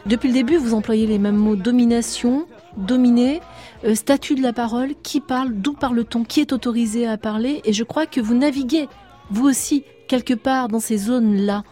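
A woman hosting a radio arts programme, steering the interview with measured questions. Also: a little high, dark tone, faint music behind. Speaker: radio host.

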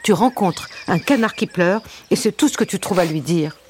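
A woman's voice: on the low side, lively intonation, normal speed, darkish tone, a little hiss or hum, close to an everyday voice. A woman voicing a bossy, tearful and vain male duck in a storybook reading, with a nasal, sniffling, indignant voice.

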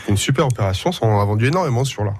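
A man from Portugal, a shop manager, chatting as a guest on a radio show, halting often with fillers and restarts. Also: mid-range voice, expressive, darkish tone, slightly rough. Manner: hesitant, many fillers and restarts. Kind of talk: casual radio interview.

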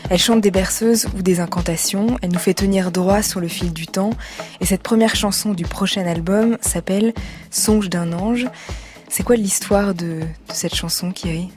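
A woman's voice: mid-range voice, darkish tone. A woman hosting a radio interview in a studio, with poetic phrasing in her introductions and questions.

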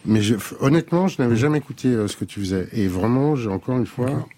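A man's voice: mid-range voice, lively intonation, fast, mellow. A man, a rock singer guest on a radio show, speaking emphatically and stammering on repeated words. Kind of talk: radio interview.

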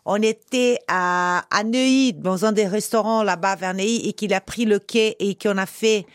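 A woman's voice: medium pitch, moderate pace, dry recording, clean studio sound. Effusive woman with a foreign accent in French. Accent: foreign accent in French, not Parisian. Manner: effusive, emphatic. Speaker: interview guest. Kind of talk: casual chatty radio interview. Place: radio studio, close and dry.

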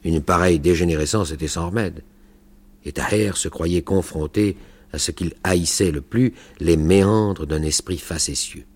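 A man reads a novel aloud for radio, measured and grave in tone. His voice sits very low and is husky. The reading moves steadily through the story. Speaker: reader.

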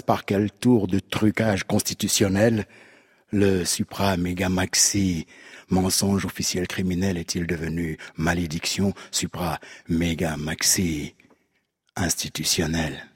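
Deep flat husky male voice. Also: dry recording, clean studio sound. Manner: emphatic, rhetorical. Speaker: radio guest. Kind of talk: declaiming a text.

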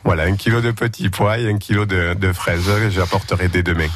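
A man's voice: deep voice, steady tone, brisk, noisy background. A man giving a casual radio interview as a guest, hesitant and often searching for his words. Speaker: produce supplier, radio guest.

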